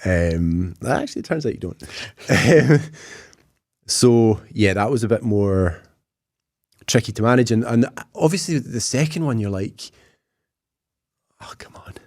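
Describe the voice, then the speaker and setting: A man's voice: on the low side, expressive, measured pace, a little mellow, no echo, clean studio sound. A Scottish man in his thirties, a podcast guest talking casually and self-deprecatingly with lots of fillers. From Scotland.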